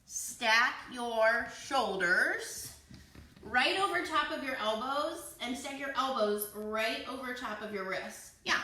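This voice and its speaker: A young woman leading a children's yoga class, giving playful, encouraging step-by-step cues in a slow, easy rhythm. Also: fairly high pitch, bright, forceful tone, far from the mic. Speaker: kids yoga teacher. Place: room with children. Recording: echoey room, voice from afar.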